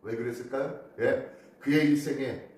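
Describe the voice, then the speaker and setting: A man preaching a dawn sermon as pastor, animated and asking the congregation questions, recorded by a phone camera from a distance. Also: mid-range voice, normal speed. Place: church sanctuary. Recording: echoey room from far off.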